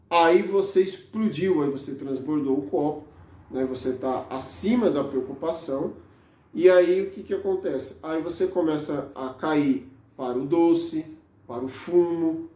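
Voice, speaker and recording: A man's voice: on the high side, warm tone. A man, a therapist talking casually to camera, explaining step by step with frequent tag questions. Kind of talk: educational talk to camera. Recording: echoey room.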